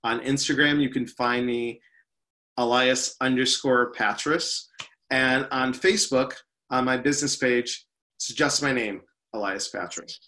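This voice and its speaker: A man's voice: mid-range voice, fairly even intonation, measured pace, sharp tone. A man speaking as an interview guest, an upbeat workshop leader who often says "you know".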